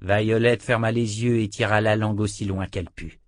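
A man's voice: lowish voice, flat delivery, moderate pace, no room sound. Man narrating an audiobook in a dry recording.

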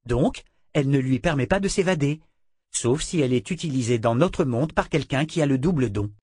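A man reading an audiobook, voicing an excitable young male scholar who talks in eager bursts. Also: medium pitch, brisk, husky, dry recording, clean studio sound. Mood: explaining. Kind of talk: audiobook character voice.

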